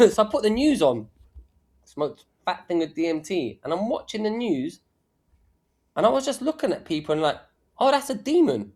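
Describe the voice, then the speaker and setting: A man talks on a podcast in an excitable, unfiltered way, swearing and tumbling over his own words. His pitch leaps up and down with lively swings. He sounds like he is on a remote call. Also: normal speed. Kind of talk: casual chat.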